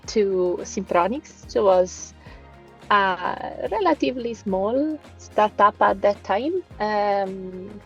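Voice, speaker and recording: A woman in her forties from Rome with a light Italian accent, a guest telling her career story in an interview, pausing often with fillers. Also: medium pitch, a little mellow, dull audio. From Italy, Rome. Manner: thoughtful, many fillers and pauses. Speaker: guest scientist. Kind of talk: conversational interview.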